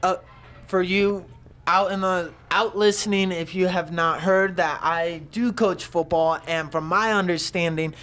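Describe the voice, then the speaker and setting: A man doing excitable, rambling color commentation on a football game. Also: high voice, unhurried, clear, resonant tone. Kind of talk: live sports commentary.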